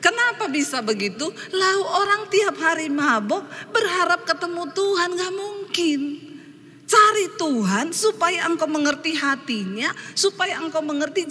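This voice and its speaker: A woman's voice: very high voice, expressive, a little slow, sharp tone, long reverb tail, a little hiss or hum. A woman pastor preaching a sermon, telling stories with humorous asides to the congregation.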